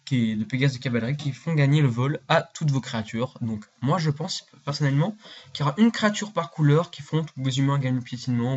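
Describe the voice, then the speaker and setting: A man's voice: medium pitch, darkish tone. A man talks casually to his audience in a mid-range voice, rambling and informal as he walks through a card game. The recording is slightly dull and lo-fi. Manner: informal, chatty and meandering. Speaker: card game video creator. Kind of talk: casual explainer talking to viewers.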